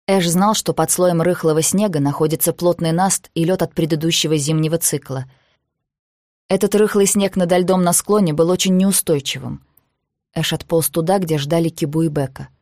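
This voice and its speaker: An audiobook narrator giving a measured, even reading of a thriller novel. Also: medium pitch, no echo, studio quality.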